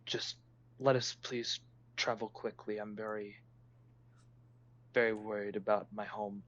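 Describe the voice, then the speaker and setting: A man playing a worried, formal adventurer in a tabletop game, speaking softly. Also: lowish voice, flat delivery, unhurried, muffled recording.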